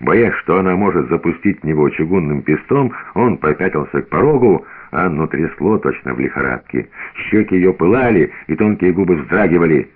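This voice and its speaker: Deep husky man reading a novel. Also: normal speed, hardly any pauses, narrow, tinny audio. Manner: expressive, theatrical reading. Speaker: reader. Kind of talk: scripted narration of a novel.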